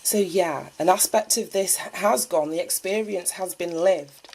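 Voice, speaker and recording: A woman's voice: on the low side, a little slow, darkish tone, a little hiss or hum, rough recording. A woman giving a spiritual card reading, chatty and musing, sounding stuffy from a lingering cold. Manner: chatty and musing, thinks aloud with small laughs. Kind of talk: solo divination reading, partly read aloud from a guidebook.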